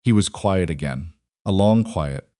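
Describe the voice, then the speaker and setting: Guy narrating a western, real deep voice, dry close sound. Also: no room sound. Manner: measured, even storytelling. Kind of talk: scripted audiobook narration.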